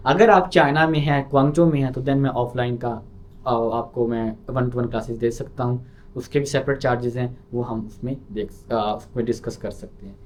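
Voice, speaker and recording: A man with a Pakistani Urdu accent teaching an online lesson. He explains patiently and drills each sound by repeating it loudly. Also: mid-range voice, steady tone, normal speed, a little hiss or hum. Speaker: language teacher.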